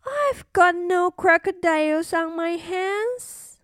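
A woman's voice: takes it slowly, a bit bright, dry recording, studio quality, full character voice. A woman doing a curious little princess. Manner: high, questioning, childlike. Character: curious little girl princess, always asking why.

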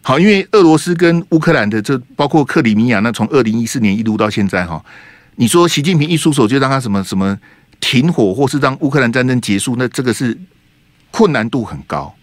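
Speaking fast in a mid-range voice, this middle-aged radio host offers rhetorical political commentary in a studio with no echo. His manner is animated, and he peppers his lines with 哈 and 啊.

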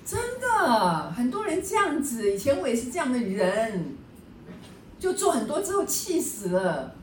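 A woman's voice: a little high, big pitch swings, measured pace, distant mic, a little hiss or hum. A woman teacher leading a book study class, lecturing in a chatty way and often checking in with the class through rhetorical questions. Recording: echoey room, voice a bit off-mic.

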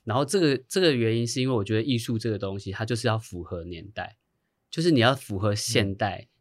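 Animated low-voiced man telling a story. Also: quick pace, no room sound, clean studio sound. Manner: animated, acts out quoted voices, laughs often. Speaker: guest; hairstylist. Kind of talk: casual storytelling chat.

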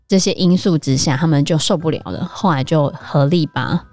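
A woman's voice: deep voice, brisk, warm tone, no echo, soft background music. Taiwanese Mandarin woman explaining a case. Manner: explanatory, recounting case facts. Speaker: podcast co-host. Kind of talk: casual book-club chat.

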